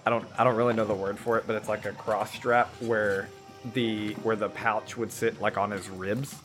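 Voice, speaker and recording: A man playing a tabletop game, describing his character's moves in a relaxed, hesitant way. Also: fairly low pitch, moderate pace, music in the background. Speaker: player.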